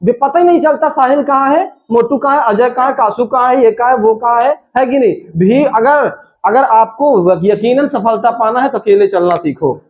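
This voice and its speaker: A man teaching a spoken English class, shouting drill phrases and joking with his students. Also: very high-pitched, normal speed, highs cut off.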